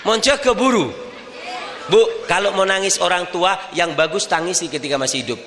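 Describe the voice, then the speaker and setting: A man with a Madurese accent preaching a lively sermon to a women's gathering. He talks emphatically and keeps asking the crowd rhetorical questions. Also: high-pitched, normal speed, a little hiss or hum. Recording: echoey reverberant hall.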